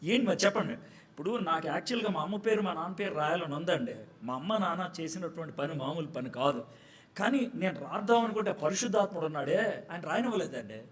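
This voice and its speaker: Guy doing a humble prophet answering back, soft and apologetic, kinda pleading. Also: fairly high pitch, animated, fast talker, echoey room, lightly acted. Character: adult male prophet, meek and apologetic.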